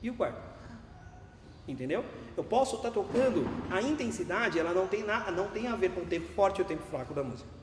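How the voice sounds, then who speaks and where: A man's voice: high voice, expressive, fast. A man teaching a music class, patiently explaining dynamics while counting beats and singing note names. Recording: echoey classroom with long reverb, faint room noise.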